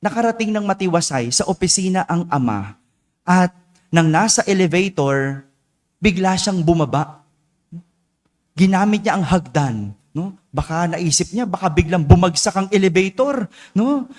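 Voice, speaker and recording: A man's voice: high-pitched, expressive, moderate pace, long pauses, darkish tone. A male priest preaching a homily, telling a story and tagging his lines with "no?". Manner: tells a story with frequent "no?" tag questions. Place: church. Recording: long church reverb.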